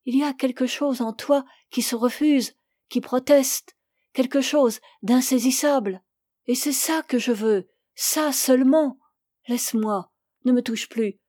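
A woman's voice: sits high, unhurried, dark tone, dry recording, studio quality, pitched above the performer's own voice. A woman reading an anguished, reproachful lover. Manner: impassioned, reproachful. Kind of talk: audiobook reading.

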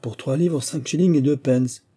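A man voicing a naive young man who earnestly defends a bad bargain, in a raised, husky voice. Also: mid-range voice, normal speed, dark tone, pitched above the performer's own voice, close to an everyday voice.

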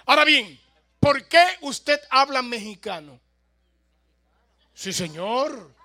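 A man's voice: extremely high pitch, animated, slow pace, bright, forceful tone. A pastor from El Salvador with a Salvadoran accent, preaching a sermon and questioning his congregation, with amens in between.

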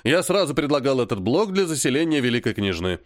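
A man's voice: mid-range voice, big pitch swings, fast talker, no echo, clean studio sound, natural voice. A man reading aloud and voicing a formal, ingratiating older school director. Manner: formal, fawning.

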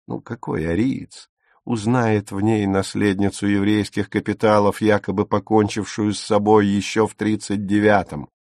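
Male narrator, low voice, measured expressive audiobook reading, dry booth. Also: dry recording. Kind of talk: scripted narration.

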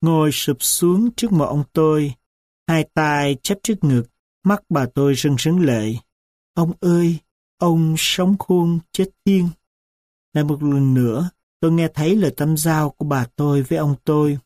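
Warm, solemn male audiobook narrator. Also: on the high side, dry recording, studio quality. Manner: slow, solemn, reflective reading. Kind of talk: scripted story narration.

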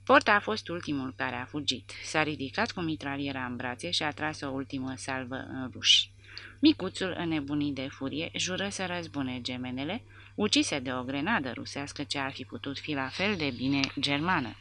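A woman narrating an audiobook in a measured, even reading. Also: extremely low pitch, creaky.

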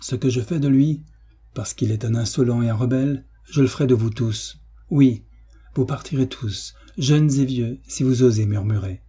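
A man's voice: mid-range voice, moderate pace, mellow, slightly rough. A man reading aloud, voicing a cruel, domineering landowner who speaks in a stern, threatening way. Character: cruel, domineering male landowner, middle-aged.

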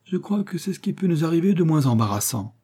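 A man's voice: fairly high pitch, big pitch swings, fast talker, dark tone, breathy edge, voice pushed up. A man reading aloud, voicing a young gallant nobleman who speaks with airy lightness. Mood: light confiding.

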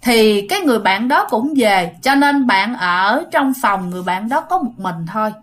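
With a Southern Vietnamese accent, a woman relates a ghost story conversationally, turning to her listeners directly and voicing the shouts she quotes. Her tone is a little high and animated, at a normal pace.

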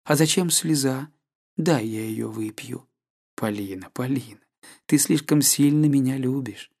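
A man reading an audiobook, playing a brooding, fearful young nobleman in a low, grave voice. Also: unhurried, vocal fry, a little mellow. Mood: tender. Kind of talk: audiobook character voice.

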